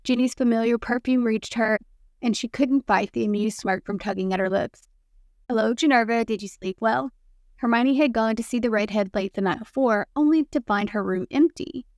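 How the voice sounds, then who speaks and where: A woman's voice: on the high side, normal speed, darkish tone, no room sound, studio quality. Woman narrating a fanfic audiobook.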